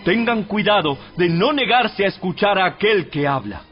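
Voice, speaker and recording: Male narrator, high-pitched, solemn and measured, for scripted audio Bible with faint background music. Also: animated. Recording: dull radio-like sound with music behind.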